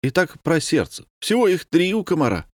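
A man's voice: on the high side, very animated, moderate pace, no echo, studio quality, voice pushed up. A man reading a story, voicing an eager man who explains wonders of nature. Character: enthusiastic male explainer of insect wonders.

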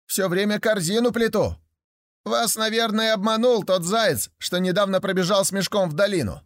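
A man voicing a sly, polite male trickster hare in a storybook reading, smooth and mock-courteous. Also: high voice, moderate pace, a bit bright, no room sound, studio quality, voice pushed up.

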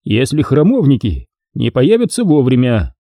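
A man's voice: mid-range voice, wildly swooping pitch, moderate pace, dark tone, no room sound. Man reading as a grave navy admiral. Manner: grave, explanatory. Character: grim explaining navy admiral, calm and grave.

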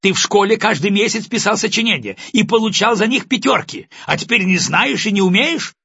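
A man reading an audiobook, voicing an anxious, angry young mother who bursts out in shrill reproach. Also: animated, fairly quick, vocal fry, bright, forceful tone, husky, no room sound, highs cut off, heavily acted. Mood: furious.

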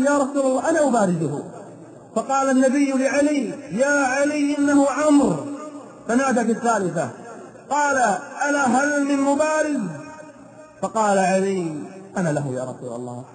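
A man delivers a live sermon in a high voice, telling his stories with dramatic, emotional emphasis. The sound of a gathered crowd is clearly heard around him. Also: brisk, low-quality recording. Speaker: preacher.

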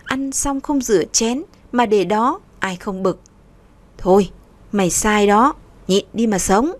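A woman's voice: mid-range voice, slow, close to an everyday voice. A woman voicing a frank young woman who gives her friend blunt, lecturing advice.

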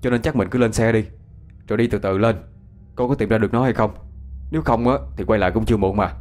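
A man plays a loud, teasing young man in a ghost story, blunt and brash. Gentle music runs under the telling. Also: lowish voice, quick pace, natural voice.

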